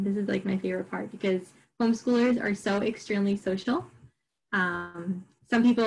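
A woman's voice: medium pitch, poor audio. A middle-aged woman from Long Island giving an informal presentation to parents, chatty and full of fillers and restarts. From Long Island, New York. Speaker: homeschool group presenter. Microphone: recorded online program.

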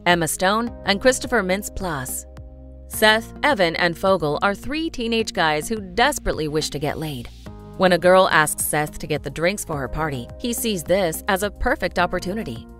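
Woman reading a steady scripted voice-over. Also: fairly low pitch. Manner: even, informative. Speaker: narrator. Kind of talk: scripted narration.

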